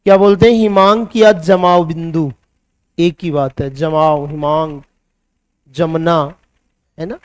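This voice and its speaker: A man's voice: fairly high pitch, steady tone, slow, pauses often, smooth, no room sound. A male chemistry teacher with a Hindi accent, giving a classroom lecture that mixes English science terms into Hindi and asks his students questions before answering them himself.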